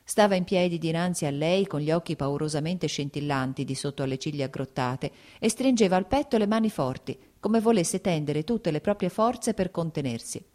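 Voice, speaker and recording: A woman narrating a classic novel as an audiobook in a measured, even reading. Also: sits low.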